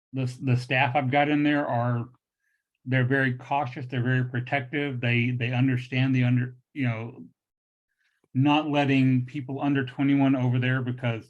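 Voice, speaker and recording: A muffled, lo-fi recording carries a man in his late fifties addressing a meeting. His pitch is ordinary and his delivery emphatic and unscripted. He shapes words a little awkwardly, as though adjusting to new implants. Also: steady tone, normal speed. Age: late 50s. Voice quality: slightly awkward articulation from new full-mouth dental implants. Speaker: liquor store owner addressing a public meeting. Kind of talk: earnest unscripted remarks at a public meeting. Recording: dull, muffled lo-fi meeting audio.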